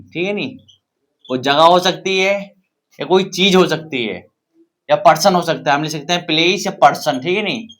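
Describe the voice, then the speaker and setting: A man's voice: on the high side, a bit bright. Indian man teaching English grammar. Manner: repetitive, asks rhetorical questions to students. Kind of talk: classroom-style grammar lesson.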